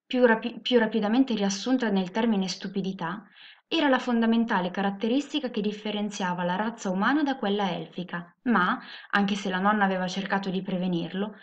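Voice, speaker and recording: A woman teacher reading a storybook aloud in a steady, clear narration. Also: medium pitch. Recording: muffled lo-fi recording.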